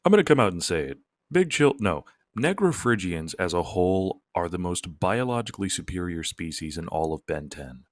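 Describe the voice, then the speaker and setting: A man narrating a scripted video essay in a deliberately pompous, mocking tone. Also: low-pitched, big pitch swings, a little hiss or hum.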